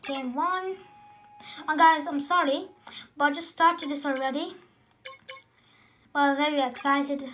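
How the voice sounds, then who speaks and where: A female gaming vlogger who sounds excited as she unboxes and talks through a new console in a casual, rambling way, often correcting herself mid-sentence. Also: high-pitched, a little slow, long pauses, faint music behind. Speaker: gaming channel host.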